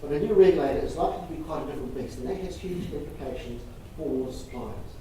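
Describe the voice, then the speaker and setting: A man giving a public talk and taking questions, speaking in a measured way and repeating phrases for emphasis. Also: on the high side, dark tone. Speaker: presenter taking audience questions. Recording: echoey room, distant mic, noisy.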